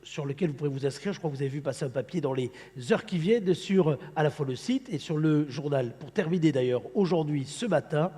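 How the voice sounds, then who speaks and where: Hoarse male host with a mellow, higher voice. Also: quick pace, hardly any pauses. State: hoarse with a head cold. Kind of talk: live morning show presenting and interviewing. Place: large studio set in a big hall. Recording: large hall with long reverb.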